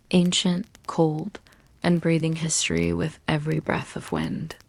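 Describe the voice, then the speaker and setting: A woman narrating a bedtime story in a soft, hushed, soothing voice, gently and with long pauses. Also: low voice, gravelly, no room sound. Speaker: narrator of bedtime history stories.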